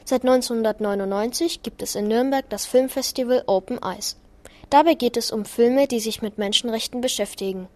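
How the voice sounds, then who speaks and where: A woman with a somewhat high voice presents a scripted radio report. Her reading is clear and orderly. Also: a little fast, darkish tone.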